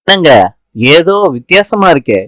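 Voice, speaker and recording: A playful young wife, teasing and a little bossy, as a man reads her lines. The voice sits fairly high and is recorded dry and close, with no room sound. The delivery is chatty and quick to mock. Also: very animated, bright, forceful tone, no room sound, heavily acted. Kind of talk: serial recap narration.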